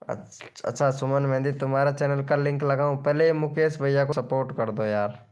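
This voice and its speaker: A man's voice: mid-range voice, steady tone, normal speed, a little mellow, smooth. A young man from Rajasthan hosting a casual live stream, reading viewer comments, teasing them and pleading for likes. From Rajasthan, India.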